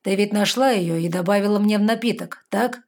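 A woman voicing a brooding, predatory male fairy lord who speaks in a firm, clipped, slow way. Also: medium pitch, darkish tone, close to an everyday voice. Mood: cold commanding.

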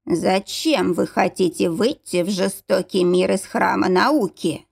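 A woman reading an audiobook, voicing ancient talking cast-iron gates with a metallic, grating voice and slow, drawn-out, solemn delivery. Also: medium pitch, vocal fry, slightly rough, heavily acted. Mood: preaching. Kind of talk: audiobook narration.

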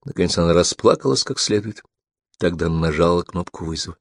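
A man narrating an audiobook in a steady, measured reading. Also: low voice, dry recording, studio quality.

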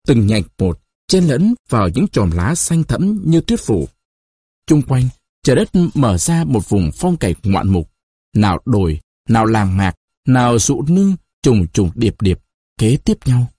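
A man narrating a novel as an audiobook, with expressive, dramatic storytelling and a husky voice. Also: medium pitch, dry recording, clean studio sound.

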